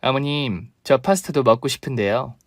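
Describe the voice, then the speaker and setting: A snobbish young woman, as a male narrator puts her on, cold, curt and quietly dismissive. The storybook reading is dry and close. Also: medium pitch, moderate pace, dry recording, lightly acted.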